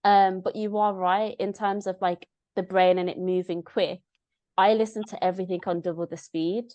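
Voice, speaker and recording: Medium in pitch and moderate in pace, this young woman's voice comes through lo-fi with no echo. She's a podcast guest in a relaxed conversational interview, animatedly recounting stories and quoting herself and others.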